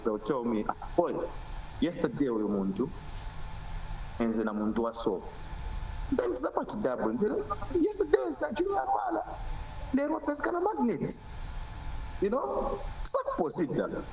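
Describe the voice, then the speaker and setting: A man's voice: on the high side, huge pitch swings, moderate pace, long pauses, a little mellow, roomy sound, recorded from a distance, slight background noise, low-quality recording. A Zambian man answering as an interview guest in casual chat, hesitant with many fillers, mixing in local words. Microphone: video call.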